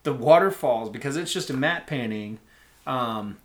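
A man's voice: medium pitch, animated, normal speed. Rambling, laughing man chatting about movies. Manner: rambling, laughing, frequent fillers. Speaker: podcast co-host. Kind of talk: casual chat about movies.

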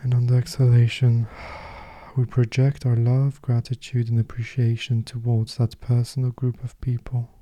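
A man guiding a meditation as host, speaking in a soft, slow, soothing way. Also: medium pitch, completely flat delivery. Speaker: meditation podcast host and guide. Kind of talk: guided meditation narration.

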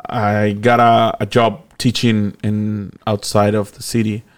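A man's voice: lowish voice, level tone, a little slow, clear, resonant tone. A young man casually telling a long personal story, rambling and laughing often.

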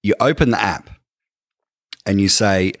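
A man co-hosting a podcast, casually pitching a product idea to his co-host with animated, acted-out dialogue. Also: a little slow, dry recording, clean studio sound.

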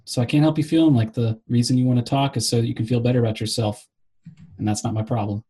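A man's voice: mid-range voice, steady tone, fast, dark tone, breathy edge. A man co-hosting a podcast in casual chat, recorded in an echoey room at home that sounds like a cave. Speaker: podcast co-host.

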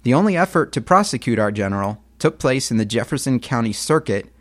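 A man's voice: mid-range voice, very animated, brisk, no echo. Blunt, conversational male history storyteller. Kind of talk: casual storytelling narration.

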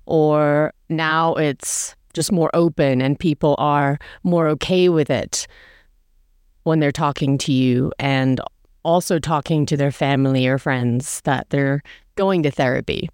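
A woman chef hosting an interview, talking in a relaxed way with light laughs between phrases. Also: low-pitched, clear, resonant tone, no room sound, clean studio sound. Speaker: chef and host. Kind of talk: casual interview chat.

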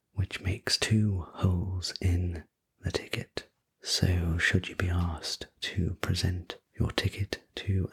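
In a whispered role-play, a man plays a courteous night train conductor telling a sleep story. His low voice is soothing, polite and breathy, with an exaggerated quality.

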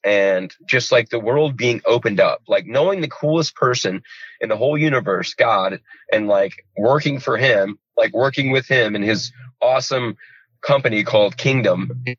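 A man's voice: medium pitch, normal speed, a bit bright, slightly rough, no room sound, highs cut off. A man in his forties from rural Georgia, a pastor, talking casually and enthusiastically, rambling with lots of "you know" and "man". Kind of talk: casual conversation.

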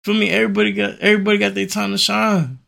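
Creaky, higher-voiced young man, frat-bro slang. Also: flat delivery, racing, a bit bright. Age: young adult. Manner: emphatic and repetitive. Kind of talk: casual chat, ranting.

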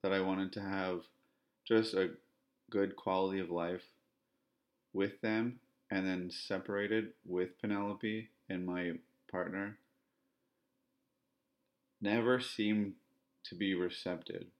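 On lo-key dull audio, a male podcast host from Ontario gives a monologue. He describes his own delivery as monotone, and it stays flat, measured and repetitive, with a voice that sits low.

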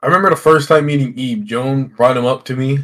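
A young man co-hosting a podcast, chatting casually with friends in loud, matey, sweary banter. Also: mid-range voice, fast talker. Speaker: podcast co-host. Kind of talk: casual chat among friends.

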